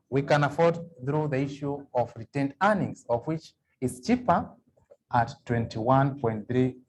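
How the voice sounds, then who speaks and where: Husky man tutoring exam sums. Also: a little high. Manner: works sums aloud, asks the class questions. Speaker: accounting tutor. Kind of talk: exam revision lecture.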